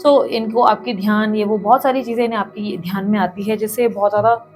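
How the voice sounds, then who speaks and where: Over music, a woman with a medium-pitched, steady voice gives a brisk tarot reading to camera. She addresses the viewer directly, repeats her points for emphasis, and calls on the universe between cards.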